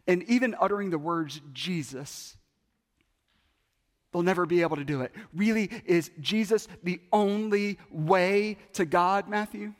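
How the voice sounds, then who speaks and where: Skeptical older church elder, persistent, voiced by a high-pitched male preacher in an echoing hall. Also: expressive, a little slow. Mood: pressing. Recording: long hall reverb.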